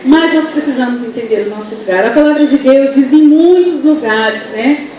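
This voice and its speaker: A woman's voice: sits high, normal speed, mellow. A woman with a Brazilian accent giving earnest, conversational teaching at a church family seminar, often asking "né?", recorded from far off in a very echoey hall with faint noise. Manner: earnest, conversational, frequent "né?" tags. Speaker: pastor's wife speaking at a church family seminar. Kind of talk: sermon-style teaching with anecdotes. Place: church auditorium.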